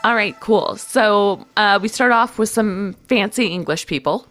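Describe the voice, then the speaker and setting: A woman co-hosting a podcast who sounds stuffed up and congested. She chats casually and agreeably, guiding the talk in a relaxed way. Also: mid-range voice, measured pace, faint music behind. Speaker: podcast co-host. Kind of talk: casual chat.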